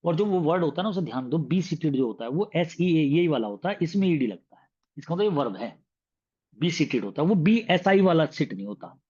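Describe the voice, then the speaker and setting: A man's voice: fairly high pitch, very animated, slightly rough. Teacher man with a muffled lo-fi sound. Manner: explains in Hindi, reads English sentences slowly and loudly. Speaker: English grammar teacher. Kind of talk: exam-prep grammar lesson.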